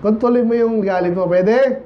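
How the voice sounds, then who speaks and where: High-voiced preacher in a casual sermon. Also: male voice, normal speed, muffled recording, a little hiss or hum. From Philippines. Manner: casual, asks the congregation "di ba?" and "Amen?". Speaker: pastor. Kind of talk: conversational Baptist sermon. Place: church.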